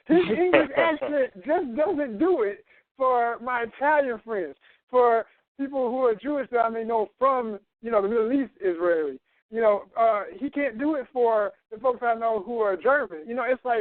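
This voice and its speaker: High-pitched guy making his point hard on a talk show, thin phone line sound. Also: fairly quick, dry recording. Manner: emphatic, keeps asking "you know what I'm saying". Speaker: guest on a radio talk show. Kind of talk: casual panel discussion. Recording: tinny phone line, dry.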